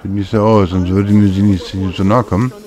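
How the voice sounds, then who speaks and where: Brisk and fairly low-pitched, this man's dark voice moves little in pitch as he casually narrates his video game playthrough. The let's play host mutters to himself, and game music plays underneath.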